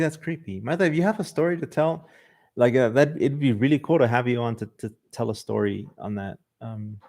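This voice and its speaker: With a medium-pitched, slightly mellow voice and some vocal fry, this podcast host from Southern California talks loosely to the camera during a livestream. He reads viewer comments aloud, and his speech carries a slight Mexican Spanish influence and many "like" and "um" fillers.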